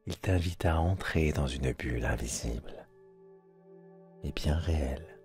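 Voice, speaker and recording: A man guiding a sleep hypnosis in a soft, hushed, soothing voice, intimate and close, as if right in your ear. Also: extremely low pitch. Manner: soft, hushed, soothing delivery with measured pauses. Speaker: hypnosis channel host and guide. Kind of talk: guided sleep hypnosis narration. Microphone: close microphone, binaural recording. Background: soft background music.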